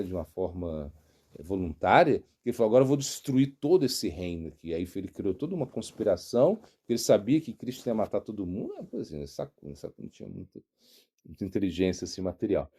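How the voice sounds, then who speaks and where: Brazilian man, middle-aged monk; lively pitch, mellow tone, unhurried sermon storytelling. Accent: Brazilian Portuguese. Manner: unhurried storytelling, searching aloud for words. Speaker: monk and spiritual teacher. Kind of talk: devotional sermon.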